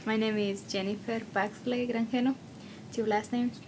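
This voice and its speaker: A young adult woman from Mexico, whose first languages are Spanish and Otomi, answers interview questions as a student with a Mexican Spanish accent. She is cheerful and laughs often, speaking at a normal pace with fairly even intonation and a darkish tone. The recording is noisy, with a low rumble.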